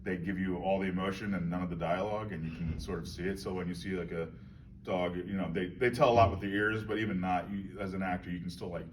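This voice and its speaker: Low-voiced man musing at a convention. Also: steady tone, quick pace, slight background noise. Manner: musing, meandering, laughs often. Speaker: actor being interviewed. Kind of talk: casual convention interview. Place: convention hall. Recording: distant mic with faint crowd ambience.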